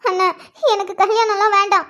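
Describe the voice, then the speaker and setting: A tearful younger sister from a cartoon. Her voice is very high-pitched, and she pleads as she talks. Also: flat delivery, fairly quick, sharp tone. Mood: upset. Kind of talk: cartoon voice acting.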